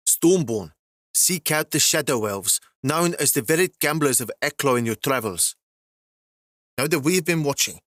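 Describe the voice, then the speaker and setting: A man voicing a tall male shadow elf assassin who speaks in a muffled, solemn, measured way. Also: mid-range voice, fairly bright tone, no room sound, clean studio sound, lightly acted.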